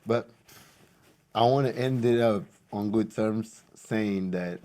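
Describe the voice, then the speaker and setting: A man's voice: on the low side, slow pace, dark tone. A young man from Portugal, a podcast guest, telling stories in a laid-back, slangy way and saying "bro" a lot. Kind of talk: casual podcast conversation.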